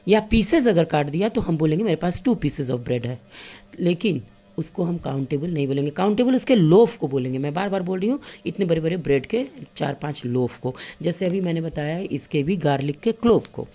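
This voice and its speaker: Woman teacher for young kids; patient, repetitive, warm low tone, terms her speech. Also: expressive, fairly quick. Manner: patient, repeats and counts aloud with objects. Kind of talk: classroom lesson for children.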